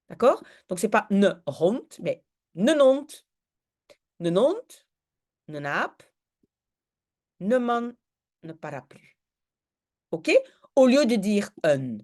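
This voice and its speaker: A woman teaching a relaxed video lesson, her pitch rising and falling a lot as she walks through each example. She speaks at a mid pitch and keeps checking in with quick "okay?" asides. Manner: explains step by step, checks in with "ok?". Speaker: Dutch language tutor.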